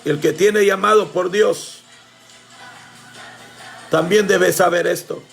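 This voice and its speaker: A man preaching a sermon with fervor, often shouting and calling on his congregation as brothers. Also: high voice, steady tone, slow pace, gravelly, soft background music.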